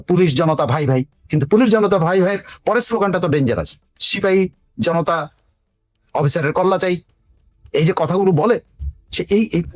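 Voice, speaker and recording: A man's voice: a little high, no room sound. A man giving political commentary on a talk show, insistent, hammering key words through repetition and mixing in English words. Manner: mixes English words into speech.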